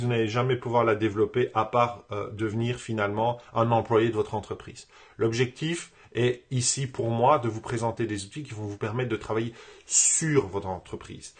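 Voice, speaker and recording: Male business coach for a live web tutorial: husky, halting and casual, repeats words as he goes. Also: mid-range voice.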